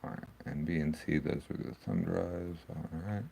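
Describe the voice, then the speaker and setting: Low gravelly man thinking aloud. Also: steady tone, normal speed, mellow, a little hiss or hum. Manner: rambling, thinks aloud with restarts. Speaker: tech video host. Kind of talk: casual screen-recording walkthrough.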